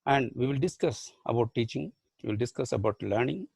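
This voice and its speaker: Gravelly Indian man giving a motivational lecture. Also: medium pitch, animated, a little fast, a little mellow, dry recording. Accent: Indian English. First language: Badugu. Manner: rhetorical questions, repeated phrases. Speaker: professor and life skills trainer.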